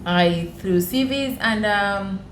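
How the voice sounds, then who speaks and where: A medium-pitched, slow-speaking woman from Uganda, with a Ugandan accent, appears as a podcast guest telling stories from her life. She leans on repeated phrases for emphasis, and the audio is echoey with audible background noise.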